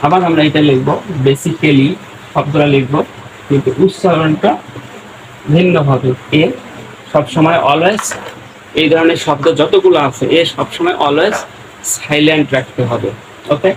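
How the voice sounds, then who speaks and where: Slow, patient male English teacher. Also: on the high side, noisy background. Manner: slow, repeats words syllable by syllable while writing. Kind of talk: slow spoken-English lesson.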